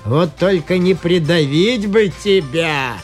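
A man voicing a boastful, bullying demon strongman who bellows in slow, drawn-out words. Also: a little high. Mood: mocking, straining. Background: faint music.

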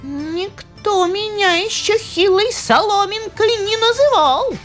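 Lady doing a scolding little old granny, high and super swoopy, soft music under. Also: very animated, measured pace, heavily acted. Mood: defiant. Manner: indignant, scolding, drawn out. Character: tiny feisty old woman, secretly strong. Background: faint music.

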